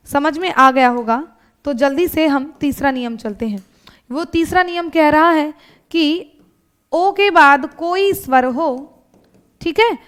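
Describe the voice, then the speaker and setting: A woman with a high voice teaches an exam-prep grammar lesson. She has a North Indian Hindi accent. She works through each example step by step and keeps asking her students rhetorical questions. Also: fairly bright tone. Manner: often adds checking tags like "thik hai" and "hai na".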